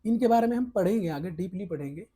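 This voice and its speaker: A man's voice: high voice, animated, quick pace, dark tone, slightly rough. A male teacher giving an exam preparation lesson, talking emphatically and coaxing students, repeating his points with rising and falling stress.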